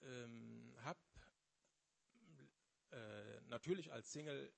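A man in his fifties speaks from a church seat in an ordinary mid-pitched voice. He halts and gropes for words, repeating himself, then lifts into fervent, emphatic preaching. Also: creaky. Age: 50s. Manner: halting, searching for words, then rising with fervor. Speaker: lay preacher. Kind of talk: sermon testimony.

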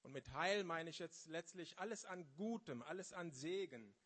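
Man in his fifties preaching, halting. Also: a little high, expressive, fairly bright tone. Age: 50s. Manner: halting, searching for words, then rising with fervor. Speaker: lay preacher. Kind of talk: sermon testimony.

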